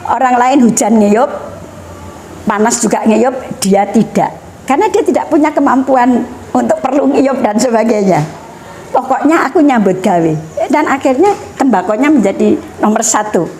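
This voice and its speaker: Measured middle-aged woman. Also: a little high, dark tone, slight background noise. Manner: measured, explanatory, mixing in Javanese phrases. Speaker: guest speaker on family education. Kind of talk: educational talk.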